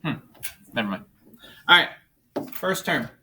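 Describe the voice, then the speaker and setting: A man teaching a math class, walking students through problems with brisk, coaxing questions. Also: fairly high pitch, animated, background noise.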